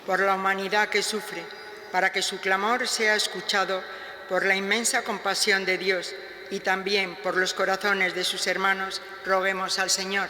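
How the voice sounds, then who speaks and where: High, even-voiced man reading in echoing church. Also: normal speed, a little hiss or hum. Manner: formal, solemn recitation. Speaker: lay reader of the prayers of the faithful. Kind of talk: read liturgical intercessions. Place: large reverberant church. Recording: echoey church with long reverb.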